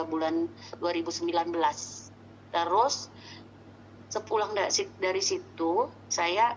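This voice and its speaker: Halting woman telling her own story. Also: fairly low pitch, highs cut off, a little hiss or hum. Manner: halting, searching for words, many restarts. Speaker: customer giving a product testimonial. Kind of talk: casual spoken testimony.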